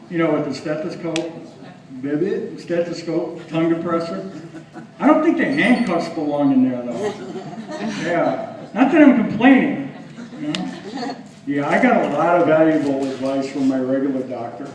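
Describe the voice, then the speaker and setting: Self-mocking stand-up comic, echoey club. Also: male voice, a little high, expressive, normal speed, a little mellow, distant mic. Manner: chatty, self-mocking, teasing the audience. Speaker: stand-up comedian. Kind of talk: stand-up comedy set. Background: audience laughing.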